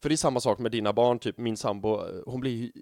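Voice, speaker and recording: A man in his thirties chatting casually on a fan podcast, telling stories in an animated way with plenty of swearing. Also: medium pitch, no echo, clean studio sound. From Sweden. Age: 30s. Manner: animated storytelling with lots of swearing and fillers. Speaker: podcast co-host.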